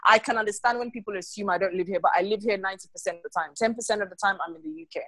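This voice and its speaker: A woman guesting on a podcast talks very fast in a mid-range voice, telling stories with energy during casual chat. She animatedly acts out the customers in her tales, and the recording is dry.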